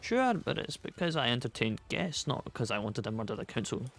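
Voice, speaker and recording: A man's voice: mid-range voice, sing-song, fairly quick, vocal fry, fairly bright tone. A man voicing a stern male doctor and former battlefield medic, speaking firmly in a Scottish accent, read from game dialogue. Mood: guarded. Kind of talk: reading game dialogue aloud.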